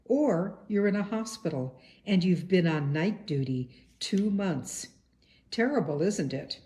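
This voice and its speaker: A woman reading a biography aloud as an audiobook, in a measured, earnest way. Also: on the low side, animated, mellow. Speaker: audiobook reader. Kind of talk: read-aloud biography narration.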